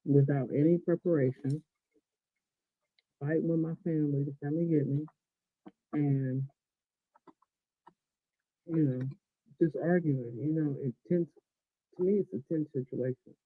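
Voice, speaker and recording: A man with an American accent and a very dark, soft-edged voice rambles casually as he eats, his mouth full. He speaks colloquially and without a filter, letting thoughts trail off. The sound is close and dry. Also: a little high, unhurried, long pauses, no room sound, poor audio. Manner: colloquial, unguarded, trailing off and losing the thread; talking with a mouth full while eating. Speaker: vlogger.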